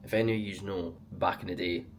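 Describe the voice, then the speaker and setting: A young Scottish man with a fairly low voice talks casually into a handheld camera. His delivery is chatty and colloquial, in the style of a personal vlog. Clear background noise runs through the recording. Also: steady tone, a little fast. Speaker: vlogger, amateur marathon runner. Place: on the move around a city, partly outdoors. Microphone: handheld action camera.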